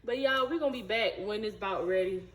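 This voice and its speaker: A woman's voice: mid-range voice, fast, fairly bright tone. A woman chatting casually to viewers as a vlog host, playful, sassy and bantering. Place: home kitchen, indoors. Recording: noisy room, home camera audio.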